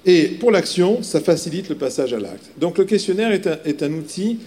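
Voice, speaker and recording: A man speaking as a sales trainer in a live seminar. He is emphatic, hammers key words by repeating them and fills pauses often, in a slightly high male voice. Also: expressive, warm tone.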